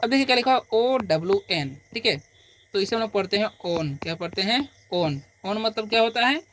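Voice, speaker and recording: A man teaching beginner English, explaining slowly and patiently and answering his own questions again and again. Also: high-pitched, animated, fairly bright tone, slight background noise. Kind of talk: beginner language lesson.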